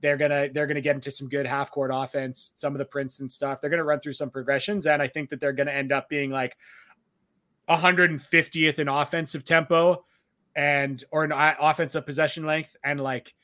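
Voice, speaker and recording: A man's voice: fairly high pitch, little pitch movement, brisk, pushed and bright, dry recording. Rambling man on a sports podcast, dry sound. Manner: rambling, many fillers like "like" and "um". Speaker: podcast co-host.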